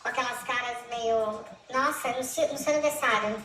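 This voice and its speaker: A woman with a Brazilian Portuguese accent hosting an interview, with brisk questions and short recaps. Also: fairly high pitch, echoey room, a loud crowd, low-quality recording. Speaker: interviewer host.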